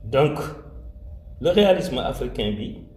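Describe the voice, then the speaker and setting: Speaking slowly yet with great animation, this man has a medium-pitched, slightly mellow voice and a Senegalese French accent. As a religious community speaker giving a formal commemorative address, he stays solemn and emphatic, repeats key phrases, and drops Wolof expressions into his French. Faint ambient noise sits under a roomy echo.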